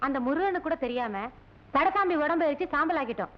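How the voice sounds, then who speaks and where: An actress playing a cunning, sharp-tongued village mother in a film drama, scolding her son in earthy village talk. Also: high voice, expressive, fairly quick. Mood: scheming. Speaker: mother of the hero. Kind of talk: Tamil film drama dialogue. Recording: dull lo-fi film soundtrack.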